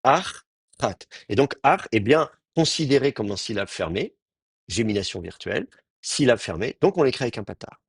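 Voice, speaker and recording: Husky-voiced man teaching Hebrew grammar. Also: lowish voice, no room sound, clean studio sound. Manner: explains step by step, many fillers and restarts. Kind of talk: teaching a class.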